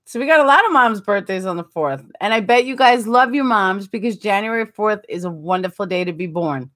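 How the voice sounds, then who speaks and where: A woman's voice: mid-range voice, lively intonation, a little fast, fairly bright tone. Chatty woman in her forties streaming live. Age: 40s. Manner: chatty and self-mocking, laughs often. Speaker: livestream host. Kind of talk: casual live-stream chat, reading viewer comments. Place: small indoor room with curtains behind.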